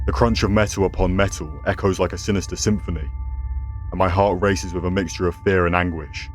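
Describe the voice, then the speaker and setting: A deep-voiced man reads scripted scary stories in the manner of a horror host. His delivery is theatrical and ominous, addressed to listeners as a storyteller. Music plays underneath his narration. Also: fairly even intonation, a little fast.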